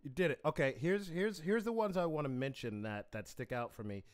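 Brief: male host in his 30s, animated pitch, teasing, laughs a lot. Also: fairly quick. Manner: joking, teasing, laughs often. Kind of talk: casual interview banter.

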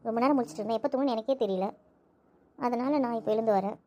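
Gossipy young woman, high voice, rapid chatter played by a woman. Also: darkish tone, a little hiss or hum, close to an everyday voice. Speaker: voice actor in audio drama. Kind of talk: amateur audio drama acting.

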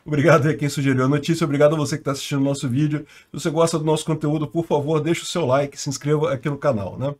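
Racing along with few pauses, this Brazilian channel host talks through the news in a fairly high, somewhat dark voice with fairly even intonation, pitched slightly raised. His Brazilian Portuguese commentary is chatty and slangy, and he keeps bursting into laughter between topics.

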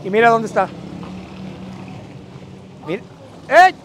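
A man with a northern Mexican accent works a street with casual, affectionate slang. His voice sits very high and swings widely as he calls out to people. It is recorded outdoors on a phone with street noise around him. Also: takes it slowly. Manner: animated, calling out to passers-by. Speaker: political campaigner. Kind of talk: casual street campaigning chat. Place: outdoors on a dusty neighborhood street. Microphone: phone held by someone a few meters away.

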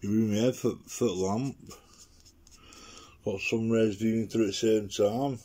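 Off-screen in his living room, a croaky man recovering from an infection gives a casual watercolour demo, captured by a camera sitting on the table. Speaking slowly in a mellow, lowish voice with fairly even intonation, he rambles and talks to himself as he paints.

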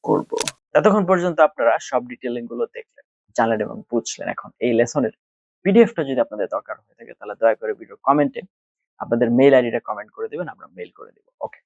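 A man teaching an IELTS speaking lesson over a computer screen, switching between quick explanation and slowly read English example answers. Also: mid-range voice, gravelly, no echo. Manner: reads English model answers slowly and deliberately. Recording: dry, dull lo-fi recording.

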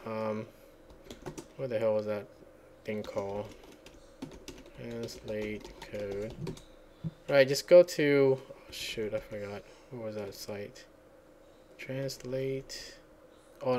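A man talks through a casual screencast tutorial at a middling pitch. He rambles and thinks aloud, often stopping to search for a word, while keys clatter faintly under a soft hiss behind him. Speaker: software tutorial host. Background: computer keyboard typing.

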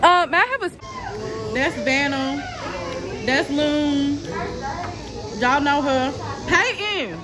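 A high-voiced young woman chats playfully into her camera as she walks a campus, with a busy crowd murmuring around her. She laughs easily and hypes up her friends. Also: huge pitch swings, takes it slowly, pauses often. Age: young adult. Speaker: vlogger, college student. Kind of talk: casual vlog chat. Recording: crowd noise outdoors.

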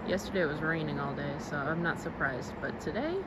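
Heavy background noise surrounds a young woman's low, brisk voice as she vlogs at a forest campsite. She lives out of her car and thinks aloud casually, full of fillers, filming on a phone held at arm's length.

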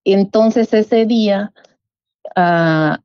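A middle-aged woman, telling a true story in a casual, animated way and acting out the voices she quotes. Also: medium pitch, drawn-out words, no echo. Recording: dull lo-fi dry sound.

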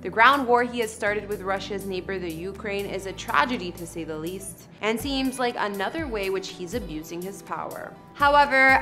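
A young adult woman hosts an online entertainment house tour show, reading scripted narration with an emphatic presenter delivery. Her voice is medium in pitch and sharp in tone.

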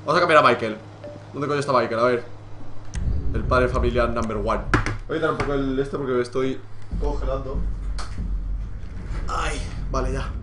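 A young man with a Spain Spanish accent giving live gameplay commentary as a streamer, excitable and joking, swearing freely as he plays. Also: mid-range voice, moderate pace, long pauses, over music. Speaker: gaming streamer.

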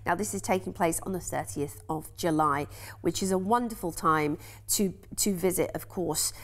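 An English woman with a slightly low voice hosts a TV shopping segment. She talks in a chatty, enthusiastic way and fills her pauses with ums, recorded on a studio mic. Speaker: cruise sales presenter. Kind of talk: TV shopping channel presenting.

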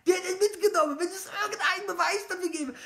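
A man's voice: extremely high pitch, fairly quick, fairly bright tone. A middle-aged male preacher speaks straight into a phone camera held close in a small indoor room. He is sarcastic and indignant, piling up rhetorical questions and scoffing at his critics. Every word carries a roomy echo off the walls. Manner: indignant, mocking, fires rhetorical questions, drops to sneering murmurs. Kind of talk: sarcastic video statement. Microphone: phone camera at close range.

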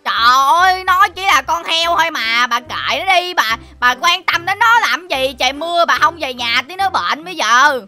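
A man's voice: very high voice, lively intonation, moderate pace, few pauses, pushed and bright, faint music behind, full character voice. A man voicing a cheeky, fussy childish boy hero in a game role-play, whining and boasting. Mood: grumbling. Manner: whiny, exclaiming, boastful.

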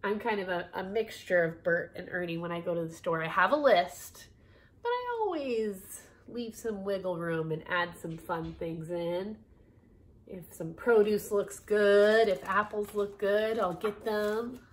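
A woman reading a children's picture book aloud, animated, with giggly asides to her listeners. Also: medium pitch, unhurried. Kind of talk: storybook read-aloud.

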